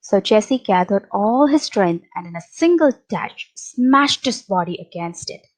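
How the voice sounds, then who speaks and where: A woman reading a children's picture book aloud, with slow, expressive storytelling. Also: mid-range voice, low-quality recording.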